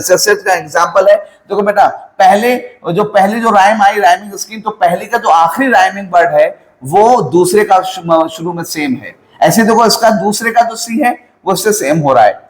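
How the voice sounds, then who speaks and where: A man's voice: sits high, rough recording. A man teaching a lesson on poetry, who asks questions and answers them himself and counts out rhyme schemes letter by letter. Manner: mixes in English terms. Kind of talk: classroom lecture on poetry.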